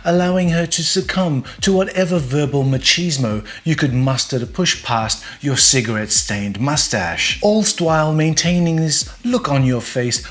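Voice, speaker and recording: A man's voice: fairly high pitch, fairly bright tone. A man hosting a casual fragrance review video, chatty and wry, with self-deprecating humor.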